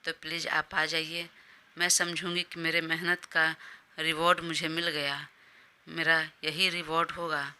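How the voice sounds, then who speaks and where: A woman's voice: sits low, little pitch movement, a little slow, pushed and bright, clean tone, exaggerated voice. A woman doing a coaxing female assistant. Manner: pleading, coaxing.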